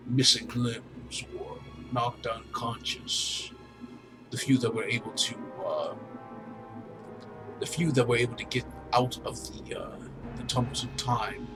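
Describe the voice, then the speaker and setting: A man voicing a weary male alien mine overseer who speaks haltingly, with many pauses and restarts. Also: mid-range voice, natural voice, poor audio. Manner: hesitant, halting, full of pauses. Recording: music playing behind.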